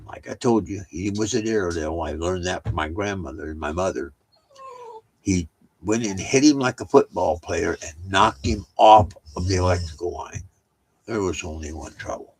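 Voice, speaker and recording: A man's voice: deep voice, gravelly, slightly rough, low-quality recording. An older man telling family stories at home in a rambling, casual way, with many restarts and side remarks. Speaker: storyteller.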